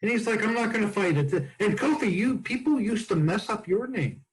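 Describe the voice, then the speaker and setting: A man's voice: sits high, lively intonation, a little fast, poor audio. A man in his sixties hosting a casual comedy chat, joking and telling anecdotes. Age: 60s. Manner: jokey, tells anecdotes. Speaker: host.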